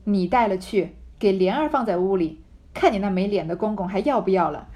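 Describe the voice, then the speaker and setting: A woman's voice: medium pitch, lively intonation, a little fast, mellow, lightly acted. A woman reading the lines of an elderly matriarch grandmother who teases and commands with a laugh. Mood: teasing.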